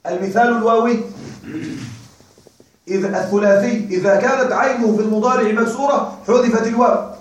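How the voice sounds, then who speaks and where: A male teacher giving a classroom grammar lecture, repeating and drilling examples slowly and quizzing his students. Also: very high voice, steady tone, a little hiss or hum. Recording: very echoey room, mic far off.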